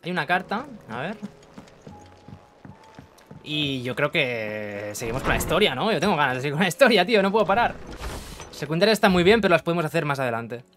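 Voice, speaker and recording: A man's voice: a little high, expressive, brisk, pauses often, a bit bright, a little hiss or hum. A man with an accent from Spain giving jokey, casual let's-play commentary, talking to the screen and swearing freely. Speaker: gaming streamer.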